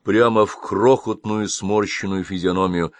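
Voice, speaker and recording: A male audiobook narrator with a fairly low voice, reading literary prose at a measured, even pace. The sound is close and dry, with no room around it. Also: no room sound.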